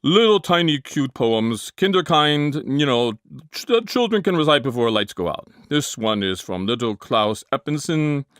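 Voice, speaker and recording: A man voicing a pompous German comedy show host with a German accent, delivering it mock-earnest and deadpan. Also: medium pitch, no echo. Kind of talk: comedy character voice demo. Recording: dry close studio mic.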